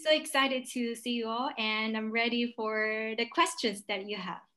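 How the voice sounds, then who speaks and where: A woman's voice: on the high side, fairly even intonation, sharp tone. A young woman from China, a tour guide, cheerfully introducing herself on a video call. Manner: cheerful, measured self-introduction. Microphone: laptop video call.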